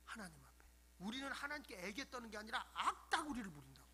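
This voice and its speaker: A middle-aged male pastor preaching a Friday night revival sermon, playfully acting out wheedling prayers and swinging from soft murmurs to shouted bursts. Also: extremely high pitch, big pitch swings, fast, slight background noise.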